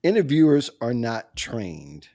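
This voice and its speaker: A man's voice: medium pitch, big pitch swings, unhurried, gravelly, mellow. A man hosting a casual panel chat on a video call. He talks in a conversational way and laughs often. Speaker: host.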